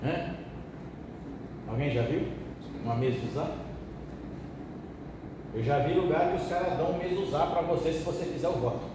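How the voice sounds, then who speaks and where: A pastor from Brazil, his voice fairly high and his pace normal with frequent pauses, teaches a Bible study in a colloquial, joking manner and quizzes his listeners. The recording is from an echoey church hall with a distant mic and background noise.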